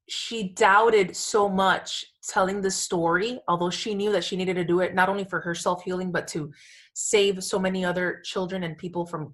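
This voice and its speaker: A woman with a fairly low pitch and a fairly bright tone co-hosts a podcast, chatting casually and emphatically. Her informal, gushing talk is peppered with "like" and "you know".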